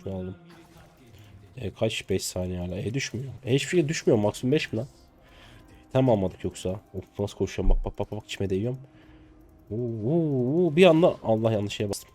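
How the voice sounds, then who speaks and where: A man in his twenties from Turkey, commenting live on his own game play, excitable and jokey, with casual swearing and sudden high yelps. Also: fairly quick. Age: 20s. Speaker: streamer.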